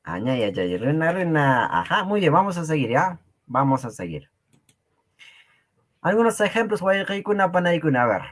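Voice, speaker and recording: A man's voice: on the high side, very animated, normal speed, a bit bright. A man with a Peruvian Spanish accent teaching an online Quechua class, joking with his students and laughing often.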